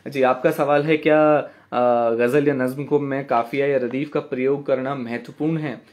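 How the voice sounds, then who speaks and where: A man teaching a poetry writing class, patiently repeating words slowly to count their syllables and checking in with his students. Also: medium pitch, steady tone, darkish tone. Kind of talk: online class lecture.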